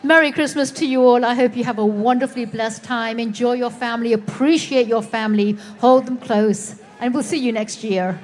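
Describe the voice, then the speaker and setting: Slightly high-voiced woman commenting on a parade. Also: steady tone, normal speed, hardly any pauses, a little mellow. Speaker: parade co-announcer. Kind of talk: live event commentary.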